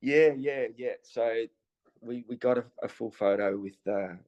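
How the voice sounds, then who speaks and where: A musician being interviewed, telling a long backstage story in a hesitant, rambling way. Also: male voice, medium pitch, measured pace, a little mellow, muffled recording. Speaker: guest musician. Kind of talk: interview anecdote.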